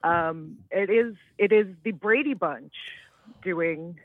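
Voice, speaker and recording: A man's voice: high voice, slow pace, no room sound. A man calling in to a radio show over the phone, hesitant and stumbling over his words. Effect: phone line call-in. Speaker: caller. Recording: tinny phone line.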